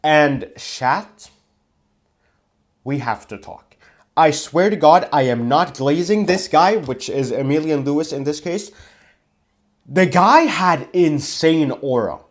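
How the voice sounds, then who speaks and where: A man's voice: on the high side, takes it slowly. Young man casually retelling a story. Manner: animated, swears casually, acts out quotes. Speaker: vlogger recounting refereeing.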